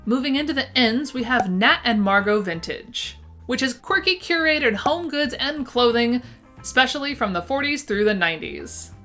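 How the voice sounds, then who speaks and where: Upbeat lady with a lispy slushy s, really bright voice, reading out a list, bit of music behind. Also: a little high, expressive, moderate pace. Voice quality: lisp, slushy s sounds. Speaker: presenter of a vintage shop roundup. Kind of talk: upbeat scripted list narration to camera. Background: background music.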